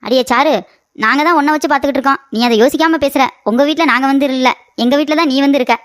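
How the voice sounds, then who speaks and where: A shrill, quick-fire mother-in-law, played by a woman for a cartoon storybook, nagging and complaining about her aching knees. Her high voice races along, close and dry with no room sound. She scolds everyone around her without pause. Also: a bit bright, no room sound. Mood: indignant. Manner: rapid scolding, complains of knee pain. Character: scolding sharp-tongued older mother-in-law. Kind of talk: animated storybook voice acting.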